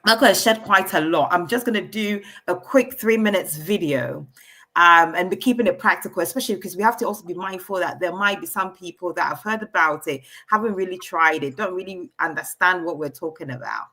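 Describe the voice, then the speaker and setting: A woman coaching entrepreneurs on AI over a video call, talking in a halting way with many fillers and restarts. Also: on the low side, bright, forceful tone.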